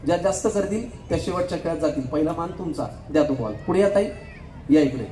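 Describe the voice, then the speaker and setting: A man hosting a live stage game, joking with contestants and counting aloud quickly. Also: fairly high pitch, expressive, warm tone. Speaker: game show host. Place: event hall stage. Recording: echoey hall, faint crowd murmur.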